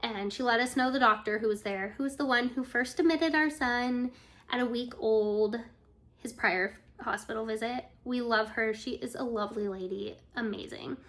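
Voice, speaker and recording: A woman's voice: fairly high pitch, moderate pace, fairly bright tone. A young woman in her twenties telling a personal story as a casual storytime, chatty, acting out quoted dialogue with lots of "like" and "um". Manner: chatty retelling, acts out quoted dialogue, frequent "like" and "um".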